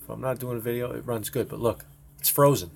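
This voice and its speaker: A man's voice: medium pitch, quick pace, creaky, breathy edge. A man rambling and swearing casually as he shares his computer screen in a home video. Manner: rambling, profane, excitable. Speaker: video host.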